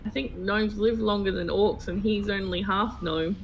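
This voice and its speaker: A woman playing as a co-op gaming partner on a stream chats casually and jokes about the game. Her mid-range voice is steady at a moderate pace, and the background is noisy, with music clearly behind her.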